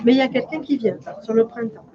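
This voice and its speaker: This woman talks fast in a slightly high voice, giving spontaneous live readings as a medium to an audience in a public hall. Her speech comes in short, repeated, reassuring bits, and the recording sounds dull under a loud crowd.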